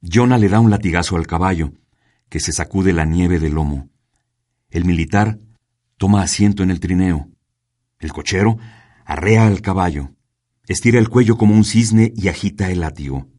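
A man narrates a story in a measured, unhurried way. His voice is very deep and steady throughout. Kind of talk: scripted narration.

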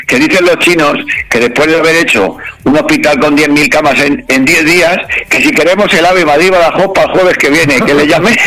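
Guy rattling off jokes on the radio, high bright voice, cackles at his own stuff. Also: rough recording. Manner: laughs at his own jokes, swearing, Spanish slang. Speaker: radio joke teller. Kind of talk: rapid-fire radio joke telling.

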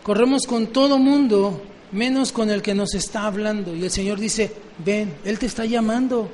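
A man's voice: very high voice, in a large hall. A man preaching a sermon, often asking the congregation questions.

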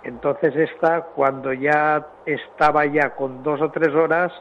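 A man calling in to a radio show over a faint phone line, as if the phone is held away from his mouth, telling a rambling story in halting sentences. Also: on the high side, fairly even intonation, a little hiss or hum. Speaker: radio caller, photo collector.

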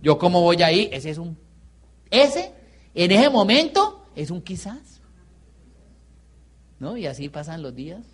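A man's voice: high voice, big pitch swings, takes it slowly, pauses often, fairly bright tone. A man with a Colombian accent giving a motivational business seminar, playful and peppering the audience with rhetorical questions. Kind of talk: live motivational seminar talk.

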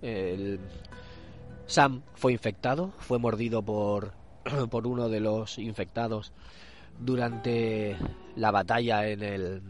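A man from Spain with a hoarse voice from a cold, hosting a casual solo commentary podcast and often restarting his words. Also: lowish voice, steady tone, faint music behind. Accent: Spain Spanish. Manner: halting, repeats and restarts words. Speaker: podcast host.

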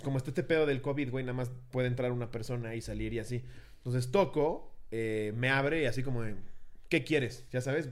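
A man with a Mexican accent, co-hosting a comedy podcast, telling stories with swearing and mimicked voices. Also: medium pitch. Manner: animated storyteller, swearing, mimics others. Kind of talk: casual comedic chat.

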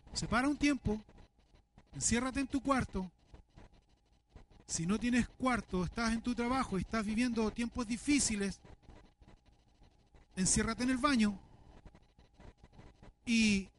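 A man's voice: very high voice, unhurried, long pauses, slight background noise. A man preaching a sermon, earnest and full of rhetorical questions. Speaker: pastor.

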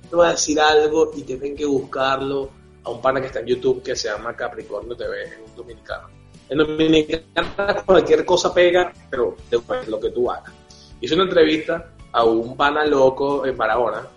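A man co-hosting a podcast in excitable casual chat, quick to laugh. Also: mid-range voice. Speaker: podcast co-host. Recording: roomy, dull, with faint music.

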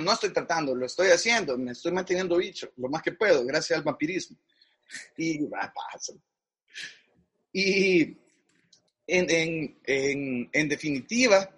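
Man, middle-aged, husky, higher-pitched, frank, slangy interview guest. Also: a bit bright. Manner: frank, slangy, restarts often. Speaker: guest advertising executive. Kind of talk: casual conversational interview.

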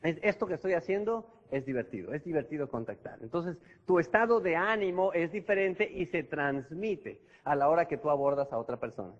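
Man, high voice, chatty seminar trainer who acts out examples; lo-fi hall recording. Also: a little fast, hardly any pauses. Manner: conversational, constant tag questions, acts out examples. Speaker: network marketing trainer. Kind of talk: motivational seminar talk. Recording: echoey hall, dull lo-fi sound.

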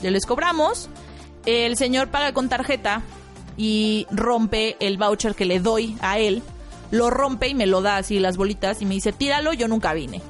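A woman hosting a podcast, telling a work anecdote and acting out voices with high squeals. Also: unhurried, soft background music. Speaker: podcast host. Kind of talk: storytelling anecdote.

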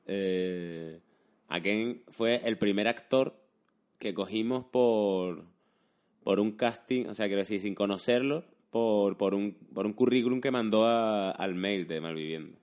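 A man's voice: on the low side, measured pace, a little mellow, smooth. A man talking casually and colloquially, often adding tag questions. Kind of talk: casual chat, anecdotes.

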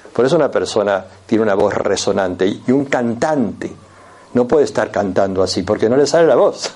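Gravelly low-voiced lecturer. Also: male voice, darkish tone. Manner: explanatory, addresses the audience directly with frequent asides. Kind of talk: classroom lecture.

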